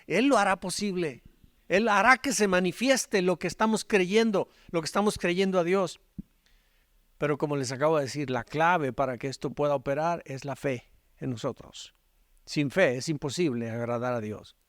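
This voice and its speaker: Animated Mexican pastor preaching a sermon. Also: male voice, a little high, no echo, clean studio sound. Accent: Mexican Spanish. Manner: storytelling, swings between loud animated peaks and hushed quiet passages.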